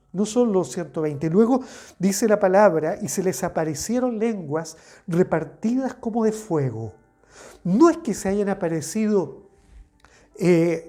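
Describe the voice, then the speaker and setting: A woman delivers a devotional sermon in a fairly low, mellow voice. She explains scripture patiently and draws the listener in with rhetorical questions. She stretches out key words for emphasis. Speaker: preacher.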